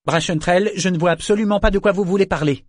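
A man voicing a strong-willed, quick-tempered young woman in an audiobook, speaking in a sharp, indignant way. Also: a little high, no echo, studio quality, voice pushed up, natural voice. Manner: sharp, raised, indignant delivery. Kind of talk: audiobook character voice.

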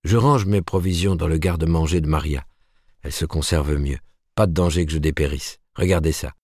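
A deep-voiced man plays an eager young writer from a storybook, lively and boastful about his prospects. The tone is low and close, with a dry, intimate sound. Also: fairly quick, dry recording. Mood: casual.

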